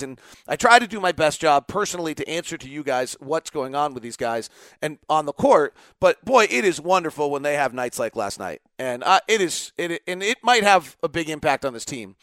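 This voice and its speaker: A man's voice: sits high, fairly bright tone, no room sound. A middle-aged man hosting a solo sports podcast, talking in an earnest, rambling way with many fillers and restarts. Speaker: podcast host and team radio voice. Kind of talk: casual solo podcast talk.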